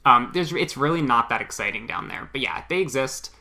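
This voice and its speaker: A man's voice: medium pitch, animated, a little fast, gravelly, sharp tone. A young man co-hosting a casual chat show, rambling along with dry jokes. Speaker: podcast co-host, former theme park worker.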